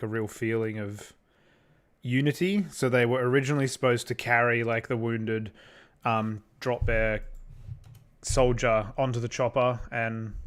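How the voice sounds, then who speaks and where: A young Australian man chatting casually on a livestream while he works on effects, rambling and thinking out loud as he answers chat. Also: medium pitch. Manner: rambling, thinks aloud, reads out chat questions. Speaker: livestreamer making visual effects.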